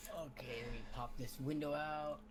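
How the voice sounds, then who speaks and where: A man co-hosting a casual livestream chat over a voice call, relaxed and easygoing, often trailing off with fillers. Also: fairly high pitch, moderate pace. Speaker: co-host. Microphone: computer mic over a voice call. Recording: noisy voice-call audio.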